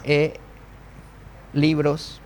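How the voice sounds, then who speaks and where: A man's voice: a little high, completely flat delivery, very slow. A man co-hosting a talk show, making wry, argumentative points and checking for agreement. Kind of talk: casual studio conversation.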